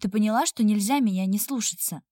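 A woman's voice: mid-range voice, fast talker, warm tone, dry recording, close to an everyday voice. A woman voicing a domineering young blond man who gives commands in a mocking tone, in a dry, close audiobook reading. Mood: commanding.

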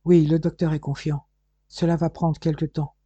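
A man's voice: a little high, flat delivery, moderate pace, dark tone, slightly rough, dry recording, muffled recording. A man voicing a worried young son in an audiobook, earnest and anxious.

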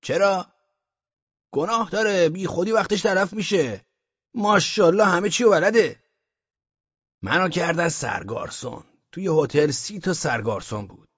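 A man's voice: sits high, animated, breathy edge, dry recording, lo-fi sound, voice pushed up. A man voicing a boastful, talkative grown man who complains while telling his own story in an audiobook. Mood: aggrieved boasting. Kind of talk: audiobook character reading.

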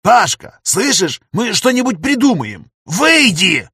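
A man with a husky voice voicing an elderly male professor who pleads and rises to near shouting. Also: mid-range voice, measured pace, dry recording, studio quality. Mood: pleading shout.

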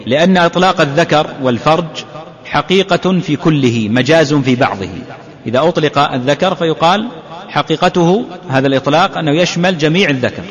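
Male sheikh teaching in an echoing hall. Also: a little high. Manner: deliberate, repeats key phrases to drive them home. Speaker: sheikh teaching a classical text. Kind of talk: religious lesson explaining hadith. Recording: reverberant hall, dull lo-fi sound.

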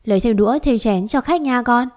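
A woman's voice: a little high, a little fast, darkish tone, close to an everyday voice. A woman voicing a comforting older village man who welcomes guests and reassures his wife.

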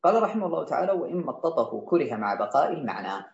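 With a fairly high voice that swings widely in pitch, this man talks rapid-fire with vocal fry. He teaches Islamic jurisprudence, reading out each line of a classical legal text before restating and explaining it for his students, in a roomy, slightly dull recording.

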